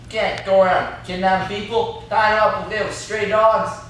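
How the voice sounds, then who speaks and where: In an amateur play staged in a classroom-like room, a young man voices a blustering rural captive who gripes and threatens in folksy speech. His voice is high-pitched and fairly bright, with a level tone and moderate pace. The far-off camera mic captures room echo and faint noise.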